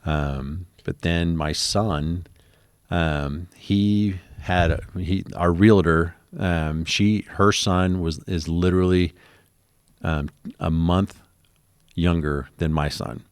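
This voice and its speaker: Very deep-voiced man telling his story. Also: fairly even intonation, slow, clear, resonant tone, no echo. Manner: rambling storyteller with many ums, acting out quoted exchanges. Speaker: interviewee. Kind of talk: personal story in an interview.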